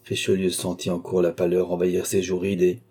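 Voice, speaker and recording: A man narrating a classic novel as an audiobook, in an even, literary way. His voice is low and dark, with a husky texture. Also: a little fast. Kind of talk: novel reading.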